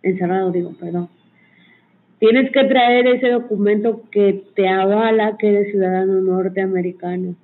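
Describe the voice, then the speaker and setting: A woman's voice: medium pitch, steady tone, measured pace. Earnest advising woman over a phone line. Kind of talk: advice over a call-in chat.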